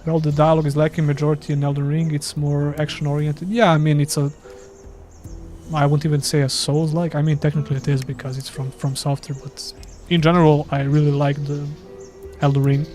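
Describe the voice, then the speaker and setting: A gaming streamer from Serbia, Serbian accent clear, jokes at his own expense while playing live. His fairly high, darkish voice moves little in pitch and is brisk, with faint music behind.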